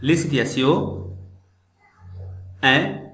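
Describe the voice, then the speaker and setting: A man teaching French, explaining slowly and patiently, repeating each phrase and glossing it in English. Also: on the high side, a bit bright. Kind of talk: slow classroom explanation. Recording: echoey room.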